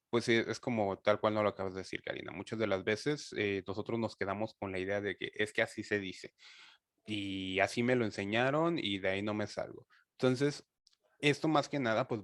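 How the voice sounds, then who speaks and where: A man's voice: lowish voice, dry recording, studio quality. A man teaching a class over a video call, explaining conversationally with many fillers and restarts.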